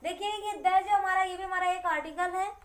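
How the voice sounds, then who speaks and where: High-voiced woman teaching a grammar lesson. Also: fairly even intonation, normal speed. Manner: asks questions and answers them herself, repeating key words. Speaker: English teacher. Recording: echoey room.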